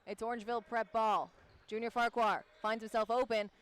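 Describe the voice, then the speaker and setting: A man with a high, fairly flat voice calls basketball play-by-play from a gym broadcast booth. He rattles off passes, names and the shot clock in a brisk, steady delivery. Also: clean tone. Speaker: play-by-play commentator.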